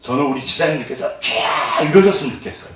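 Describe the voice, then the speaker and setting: Give me a middle-aged pastor preaching an animated, joking sermon in a reverberant church hall, heard from a distance. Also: male voice, medium pitch, fast talker. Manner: animated, asks the congregation call-and-response questions; jokes and laughs often. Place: church sanctuary. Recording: echoey hall, mic at a distance.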